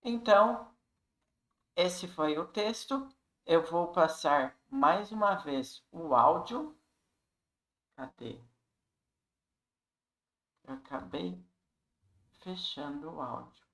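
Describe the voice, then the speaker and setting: Guy teaching english super slowly, bright voice, echoey room. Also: a little high, expressive. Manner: repeats phrases slowly, coaches pronunciation. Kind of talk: language lesson, reading and explaining a text.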